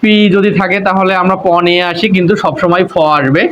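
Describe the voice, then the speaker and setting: A man with a Bangladeshi Bengali accent, teaching English pronunciation slowly, spelling out words and drilling them. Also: sits high, fairly bright tone, lo-fi sound, slight background noise. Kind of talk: spoken-English lesson.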